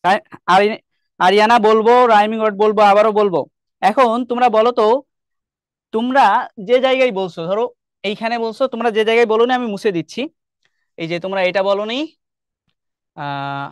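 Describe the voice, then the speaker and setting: A man's voice: high voice, fairly quick, pauses often, smooth, dry recording, studio quality. A young man with a Bangladeshi Bengali accent teaching an online English class, explaining step by step and quizzing his students often. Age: young adult.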